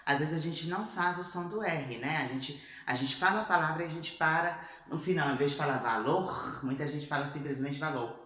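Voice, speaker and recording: A woman's voice: low voice, normal speed, few pauses, fairly bright tone. A Brazilian woman with a Brazilian Portuguese accent, teaching an online Spanish lesson in a patient, encouraging way and checking in often with her students. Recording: very echoey room.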